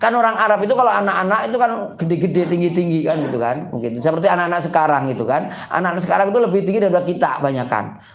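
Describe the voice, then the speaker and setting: Guy preaching casual style, jokey, lots of "gitu kan", kinda high voice, roomy echo. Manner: folksy, joking, repeats "gitu kan". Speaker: Islamic preacher. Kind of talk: casual religious study talk.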